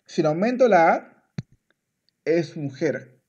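Patient man teaching Spanish in slow repetitions. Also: fairly high pitch, very animated, darkish tone, lo-fi sound. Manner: patient, repeats words, switches to English to explain. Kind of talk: one-on-one language lesson.

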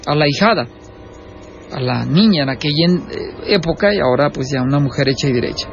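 A man hosts a horror radio show, recounting stories hesitantly in a high voice. The broadcast is dull and lo-fi, with a faint hiss underneath. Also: expressive, brisk, vocal fry. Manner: conversational, hesitant, with many fillers. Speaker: radio host.

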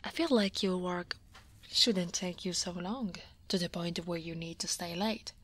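An Italian woman voices a weary, easily flustered dragon office senior in an ASMR roleplay, speaking softly, breathily, and hesitantly, often half-whispering. Her voice is fairly low and husky, with a measured pace and a weary, grumbling mood.

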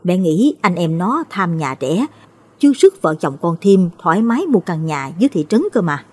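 A woman's voice: on the low side, sing-song, moderate pace, breathy edge. A woman voicing a grieving old village mother-in-law, speaking in a heavy-hearted, lamenting way in a storybook reading. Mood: weary.

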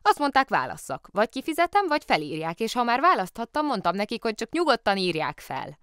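A cheeky, good-natured storybook bear who plays at being a policeman, put on by a woman reading aloud. His voice swings lively up and down as he talks his way out of trouble with innocent excuses. The studio sound is close and dry. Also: fairly high pitch, smooth, no echo, voice pushed up. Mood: cheerfully innocent. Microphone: studio microphone.

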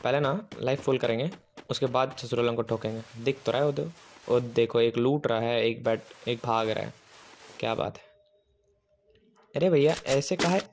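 Excitable male gamer with game gunfire behind. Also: mid-range voice, normal speed, a little hiss or hum. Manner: excitable, teasing enemies, rambling chatter. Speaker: gaming streamer. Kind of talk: live gameplay commentary.

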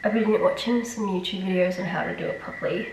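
A woman's voice: medium pitch, steady tone, fast talker, a little mellow, a little hiss or hum. A young woman with a nasal, congested voice from blocked sinuses, chatting casually through her skincare routine in a rambling, self-deprecating way. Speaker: beauty vlogger. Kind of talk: casual skincare vlog chat. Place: echoey bathroom. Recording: echoey room, mic at a distance.

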